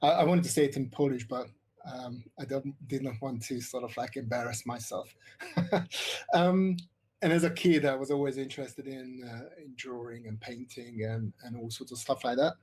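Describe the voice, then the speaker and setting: A middle-aged man from Hungary talks through an online workshop on visual effects. His voice is husky and mid-pitched, and he rambles with many fillers and restarts. It sounds like a computer mic on a video call. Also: moderate pace, a little mellow.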